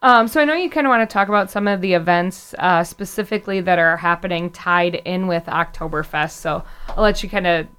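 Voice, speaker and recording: A woman's voice: on the low side, a little fast, few pauses, a bit bright, smooth. A woman hosting a casual local interview and handing the talk to her guests. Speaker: radio talk show host.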